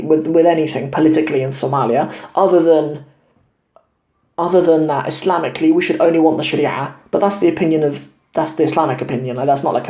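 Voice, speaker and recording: A man's voice: on the high side, mellow. Hesitant young man in an echoey room. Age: 20s. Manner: hesitant, many fillers and restarts. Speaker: YouTube channel host. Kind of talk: casual Q&A talk to camera. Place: his home in Cornwall. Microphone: lapel mic.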